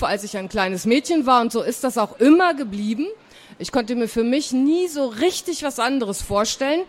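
A woman author talking about her books in a chatty way and reading a story aloud to young listeners. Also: a little high. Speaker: children's book author.

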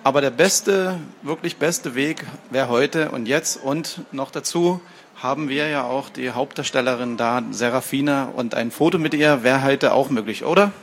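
A man from a publisher speaking casually to a live audience at a fair stand, in relaxed, chatty promo talk. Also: mid-range voice, moderate pace, a little hiss or hum. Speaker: publisher representative. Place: book fair stand, indoors.

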